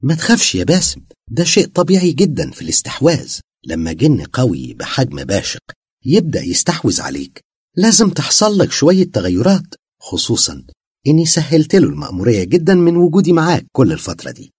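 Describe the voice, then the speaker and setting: A man voicing a woman possessed by a cruel jinn, taunting in a husky voice with an Egyptian accent. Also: fairly high pitch, wildly swooping pitch, fast talker, a little mellow, dry recording, studio quality, pitched above the performer's own voice, exaggerated voice. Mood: menacing. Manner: taunting, sneering. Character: possessed woman, jinn speaking through her, mocking and cruel.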